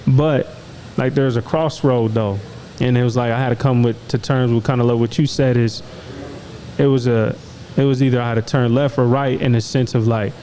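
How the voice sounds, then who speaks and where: A young man from Des Moines, Iowa, hosts a podcast in a medium-pitched, dark, steady voice at a moderate pace. The conversation is casual and slangy, peppered with "you know what I'm saying," and the audio quality is poor.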